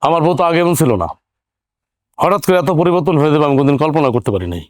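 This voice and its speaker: A man's voice: a little high, very animated, rapid-fire, a little mellow, dry recording. An actor playing an argumentative young man who questions his family indignantly, speaking. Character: earning younger son, hot-headed and argumentative. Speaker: younger brother-in-law. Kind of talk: TV drama acting.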